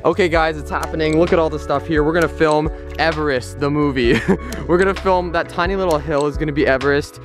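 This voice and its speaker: A chatty young man with a fairly high voice films himself outdoors in the snow, holding the camera at arm's length. He talks in a quick, excitable vlog manner while music plays in the background. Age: young adult. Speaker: vlogger. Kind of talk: casual vlog chat. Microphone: handheld camera at arm's length.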